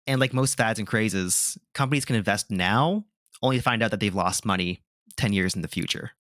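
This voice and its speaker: On the low side yet fairly bright in tone, this host's voice moves fairly quickly. He gives his opinions in a casual gaming-podcast chat full of filler words, captured in a dry, clean studio.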